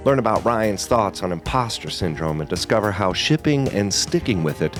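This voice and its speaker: Low-ish guy reading the podcast intro, smooth announcer style, soft guitar music behind. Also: expressive, normal speed. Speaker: host.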